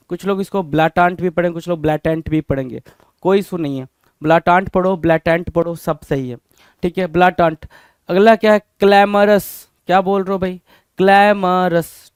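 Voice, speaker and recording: A man's voice: high voice, steady tone, moderate pace, clear, resonant tone, no echo. A man teaching an exam-prep vocabulary lesson, asking rhetorical questions and repeating each word.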